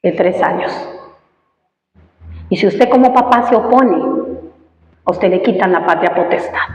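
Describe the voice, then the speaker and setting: A woman preacher from Rica, delivering an impassioned sermon that climbs to loud emotional peaks. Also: mid-range voice, a little slow, lo-fi sound. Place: church. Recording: echoey church hall with faint music.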